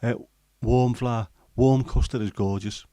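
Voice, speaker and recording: On this livestream, an English host chats casually while reading and answering comments, rambling and restarting with plenty of ums. He has a mid-range voice with a dark tone and fairly even intonation, speaking at a measured pace. The audio is a clean studio sound without echo.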